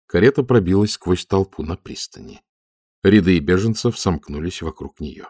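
A man narrating an audiobook in a calm, even storytelling manner. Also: low-pitched, moderate pace, breathy edge, no echo, clean studio sound. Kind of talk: scripted narration.

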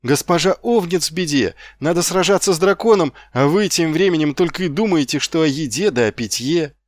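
A man's voice: high voice, big pitch swings, moderate pace, dry recording, studio quality, voice pushed up. A man voicing an earnest, eager young male guard recruit who speaks in a rousing, impatient way, in an audiobook.

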